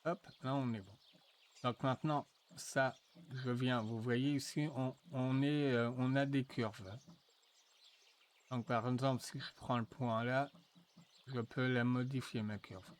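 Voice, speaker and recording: A man walking viewers through a software tutorial, thinking aloud with frequent fillers and restarts. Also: medium pitch, fairly even intonation. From France. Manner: slow, hesitant, thinking aloud with many fillers. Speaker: tutorial presenter. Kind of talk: screen-recorded software tutorial.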